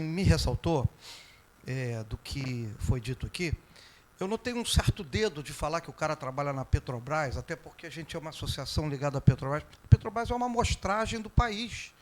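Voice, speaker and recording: A man's voice: fairly high pitch, very animated, moderate pace. A Brazilian man with a Brazilian Portuguese accent commenting from the audience, hesitant at first and reading from notes. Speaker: audience member asking a question.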